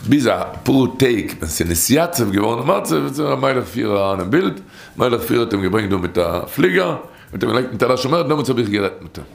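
A man's voice: mid-range voice, very animated, fast, vocal fry. A man telling a story and teaching from a midrash in an informal, rambling way, often repeating phrases and restarting.

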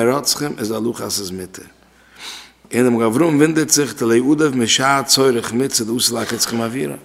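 Gravelly-voiced man teaching religious law. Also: medium pitch. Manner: repeats key phrases and asks questions aloud. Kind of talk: Talmudic law class. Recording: long reverb from a hall.

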